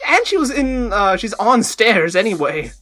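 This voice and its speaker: Man, podcast host, jokey, swingy lively pitch, casual chat. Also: normal speed. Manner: animated, jokey, swings loud and soft.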